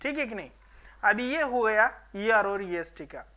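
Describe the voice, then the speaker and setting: A man teaching an English grammar lesson to students, explaining each rule step by step and checking with quick rhetorical questions. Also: high voice, animated, pushed and bright. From Maharashtra, India.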